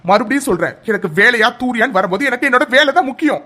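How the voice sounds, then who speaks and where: Cartoon role: man doing a cold, lecturing young man, quick and high-pitched. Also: lively intonation, sharp tone, full character voice. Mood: cold, dismissive. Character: educated young man, arrogant and dismissive. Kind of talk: cartoon voice acting.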